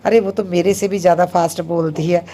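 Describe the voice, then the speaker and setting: A woman in her thirties narrates her home vlog in a casual, chatty way. She talks very fast and keeps dropping little fillers as she goes. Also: on the low side, fairly even intonation, warm tone. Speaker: homemaker vlogger.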